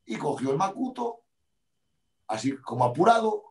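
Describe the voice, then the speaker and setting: Man, rally driver, animated storyteller, fairly high voice, roomy, far from the mic. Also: moderate pace. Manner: animated, acts out both sides of a quarrel. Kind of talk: storytelling in an interview. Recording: roomy sound from a distant mic.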